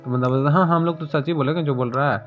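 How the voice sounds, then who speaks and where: A man retelling a manhua story in casual, colloquial speech, briefly voicing the characters' lines. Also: rapid-fire. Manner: colloquial, voices characters' lines with shifts in pitch. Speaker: manhua recap narrator. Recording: dull lo-fi voice-over with faint music.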